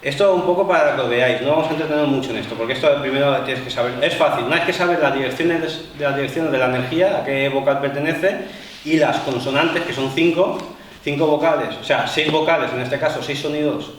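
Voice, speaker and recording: A man instructing a martial arts class, explaining to the group with many fillers and pauses. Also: a little high. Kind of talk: live seminar demonstration. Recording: echoey hall, voice from far off, faint noise.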